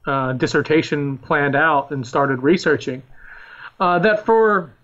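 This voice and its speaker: A podcast guest, the historian is a man in his thirties from Philadelphia who speaks slowly and earnestly, driving points home through repetition. His voice is a little high and fairly bright, though the recording cuts off the highs.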